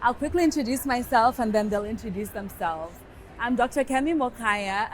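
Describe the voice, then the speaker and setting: A Kenyan woman with a Kenyan accent and a slightly high voice hosts a podcast recorded live at a conference. She's an upbeat dermatologist, and the rough recording from the live event picks up background noise.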